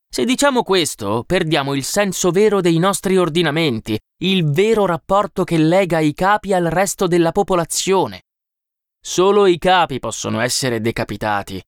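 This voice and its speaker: A bookish, earnest man in spectacles lectures slowly and insistently, as a male reader takes his part. The voice stays smooth and clear, with deliberate pacing. It sounds like a dry storybook reading. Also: fairly high pitch, no room sound, voice pushed up, natural voice. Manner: slow, explanatory, insistent.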